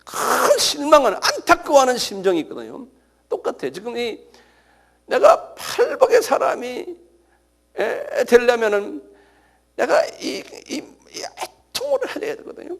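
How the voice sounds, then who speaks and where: A middle-aged pastor with an extremely high, gravelly, slightly rough voice preaches unhurriedly yet animatedly. He breaks out in sudden cries and calls to his congregation for a response.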